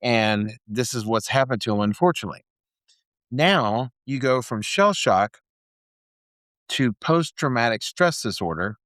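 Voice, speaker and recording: Here a male co-host talks a little slowly, his mid-range voice fairly bright with lively intonation, on a dry recording. His long, casual chat wanders somewhat and is full of self-deprecating humor.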